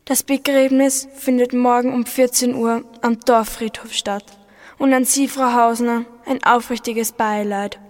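A solemn village mayor, played by a teenage girl, speaks formally in a fairly high voice. The school recording carries long reverb. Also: steady tone, unhurried, natural voice. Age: teens. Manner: formal speechmaking.

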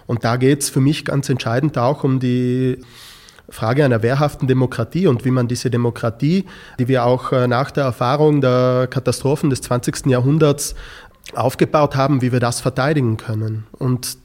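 A man's voice: mid-range voice, fairly even intonation, normal speed, a little mellow. A man from Tyrol, a teacher answering interview questions thoughtfully and hesitantly, with many filler sounds. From South Tyrol. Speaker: teacher in a school project.

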